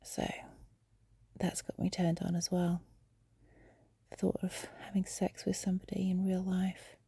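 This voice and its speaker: A young adult woman whispering softly and confidingly into a phone while lying in bed. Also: fairly low pitch, completely flat delivery, no room sound. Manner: soft breathy whisper, unhurried and confiding. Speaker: amateur audio creator. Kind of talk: whispered intimate audio diary. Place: in bed, lying on her side. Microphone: phone held close.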